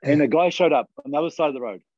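A man's voice: fairly high pitch, racing, no echo. A man co-hosting a podcast, telling casual stories and acting out the lines of the people in them. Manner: animated storyteller acting out quotes. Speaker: podcast co-host. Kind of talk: casual chat. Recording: slightly dull, dry sound.

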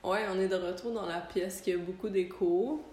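A woman's voice: lowish voice, steady tone, normal speed, darkish tone. Casual young Quebec woman in echoey room. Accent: Quebec French. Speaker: podcast co-host and interviewer. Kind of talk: casual, giggly chat. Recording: echoey room, background noise.

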